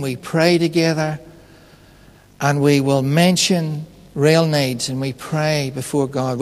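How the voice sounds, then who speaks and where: A man preaching a sermon in an unhurried, conversational and personal way, telling stories. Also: on the high side, in a large hall. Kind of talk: sermon with storytelling.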